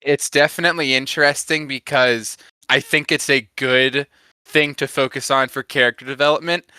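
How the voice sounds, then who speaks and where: A man with a bright, clean voice of medium pitch chats casually as a podcast co-host. He gives feedback in an agreeable way, hedging and correcting himself as he goes. The recording is dry and close. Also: fairly even intonation, moderate pace, smooth, dry recording. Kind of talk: casual chat.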